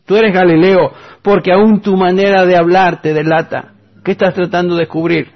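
Guy preaching a sermon, kinda high voice, reads verses out and asks the crowd questions, muffled radio sound. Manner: asks the congregation rhetorical questions; reads scripture quotes aloud.

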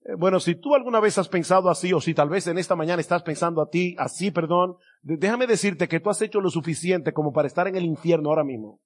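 A male preacher with a high-pitched voice delivers a sermon to his congregation. He speaks emphatically, stretching out key phrases for weight. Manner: emphatic, slows down to stress key words.

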